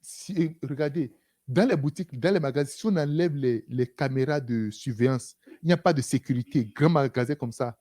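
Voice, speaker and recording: A preacher giving an animated sermon, breaking it up with frequent hallelujahs and acted-out exchanges. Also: mid-range voice, normal speed. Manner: animated, repeats "Alléluia", acts out dialogues.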